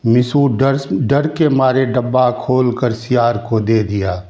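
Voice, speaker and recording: Slow, mellow male storyteller. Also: mid-range voice, lo-fi sound. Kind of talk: unhurried children's folk-tale narration.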